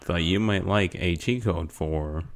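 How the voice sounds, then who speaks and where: A stiff, robotic male answering-service voice, put on by a man for a prank call. He reads each menu prompt slowly and haltingly, in a low register with clipped, mechanical phrasing. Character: stiff male automated code-line voice.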